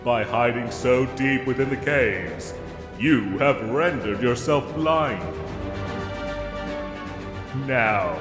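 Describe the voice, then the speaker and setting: In a fantasy audio roleplay, a man plays a pompous knight who holds forth in a long, echoing, cave-like space with music underneath. His mid-range voice moves slowly through formal, archaic, grandly theatrical speech that swoops as he speaks. He sounds haughty, commanding and condescending, yet a soft heart shows beneath the gallantry.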